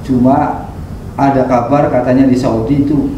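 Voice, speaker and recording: A man's voice: medium pitch, fairly even intonation, normal speed, muffled recording. A middle-aged man from Indonesia, a guest telling his story in a plain, modest way. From Indramayu, Indonesia. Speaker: interview guest, decorator. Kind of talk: casual interview chat. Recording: very echoey, distant, noisy room.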